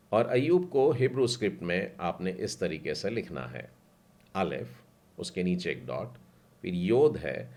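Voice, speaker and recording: Deep-voiced slow, patient language teacher man. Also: a little mellow. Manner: spells out syllables slowly, then repeats the whole word. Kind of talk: slow, patient language lesson, spelling out letters and sounds.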